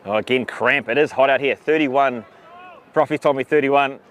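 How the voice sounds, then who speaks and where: A man giving live rugby commentary outdoors, chatty and excitable, greeting viewers between plays. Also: mid-range voice, moderate pace. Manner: chatty, excitable, gives shout-outs to viewers. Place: outdoors at a sunny rugby ground.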